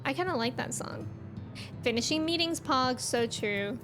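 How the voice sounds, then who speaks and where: Game music plays under this streamer's high, animated voice as she talks at a moderate pace. Livestreaming a game, she chats casually, reacting to the story with plenty of slang.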